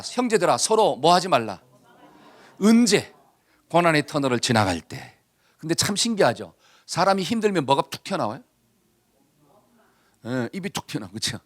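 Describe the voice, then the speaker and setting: A middle-aged male pastor preaching a sermon, leading the congregation in call-and-response and dropping to a whisper at times. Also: on the high side. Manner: drops to a whisper for inner voices.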